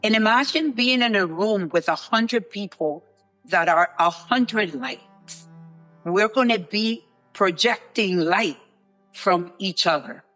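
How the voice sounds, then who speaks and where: A woman from the Dominican Republic, co-founder of a leadership program, answers interview questions as a guest. Her mid-range, fairly bright voice moves slowly with lively intonation, and she sounds eager, enthusiastic and emphatic, often repeating herself. Faint music plays underneath.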